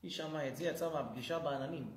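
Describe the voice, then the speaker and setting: A man, a rabbi, giving a humorous lesson in a synagogue and acting out the people in his stories. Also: on the high side. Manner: lively storyteller who acts out quoted people. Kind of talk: humorous sermon. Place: synagogue hall. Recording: roomy synagogue echo.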